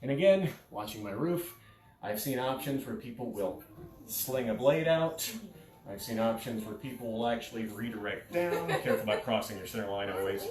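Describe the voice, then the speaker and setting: A thirties man explains fencing technique in a casual, informal teaching style, his medium-pitched voice expressive and at normal speed over crowd noise. He's in a carpeted living room, recorded by a camera several steps away, so the sound is distant and echoey.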